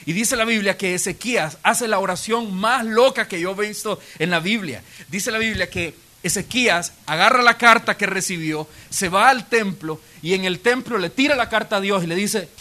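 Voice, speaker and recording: A man delivers a church sermon. His voice sits high and bright, and he tells stories with humor, lively asides and quoted voices. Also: normal speed, hardly any pauses. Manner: storytelling with playful asides and acted quotes. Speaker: pastor. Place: church auditorium.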